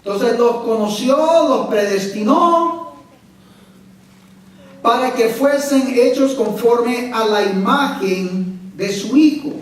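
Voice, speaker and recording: A male pastor with a very high voice delivers an emphatic sermon at an unhurried pace. He often asks his congregation questions to check that they follow. He sounds far from the mic, in a church sanctuary with heavy echo. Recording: echoey church hall from far off.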